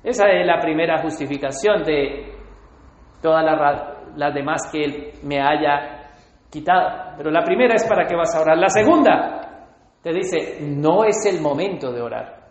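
A man preaching a sermon, emphatic, swinging between loud and soft delivery. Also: fairly high pitch, unhurried, dull audio. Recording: heavy reverb of a large hall.

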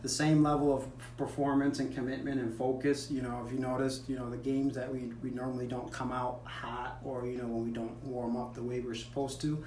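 Brief: relaxed soccer player in his 30s, from Africa, chatty, off-mic in an echoey room. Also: mid-range voice, a little fast, few pauses. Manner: easygoing, many "you know" fillers. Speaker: soccer player being interviewed. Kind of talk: casual interview. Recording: roomy, distant mic with faint noise.

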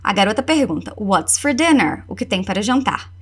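Lively Brazilian woman teaching English. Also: medium pitch, slightly rough. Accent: Brazilian Portuguese. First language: Portuguese. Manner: slow, over-articulated model phrases between quick explanations. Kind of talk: language lesson with repeat-after-me drills.

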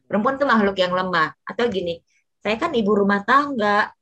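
A middle-aged woman from Indonesia, talking as an interview guest who gets heated and passionate, and who acts out quoted lines in a higher voice. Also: lively intonation, a bit bright, highs cut off. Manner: passionate, quick to get heated. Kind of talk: casual interview talk.

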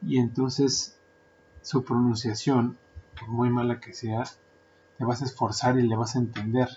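Joking Mexican podcast host. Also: male voice, medium pitch, level tone, measured pace, dark tone, slight background noise. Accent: Mexican Spanish. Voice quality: joking, chatty, frequent filler words. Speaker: podcast host, translator and interpreter. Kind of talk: casual podcast monologue. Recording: dull lo-fi sound.

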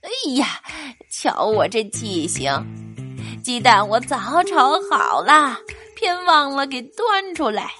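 A woman voicing a kindly old grandmother in a storybook, who is hard of hearing and speaks in a slow, lowered, soothing voice. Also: sing-song, sharp tone, soft background music, exaggerated voice. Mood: tender. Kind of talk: storybook character voice.

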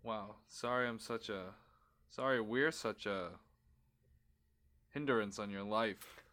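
A young man hosting a casual podcast chat with friends, slow-talking with loud joking bursts. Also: on the low side. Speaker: podcast host.

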